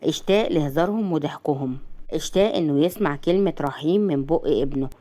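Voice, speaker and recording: A woman with an Egyptian accent narrating a dramatic story in a steady, low-key way. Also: a little fast.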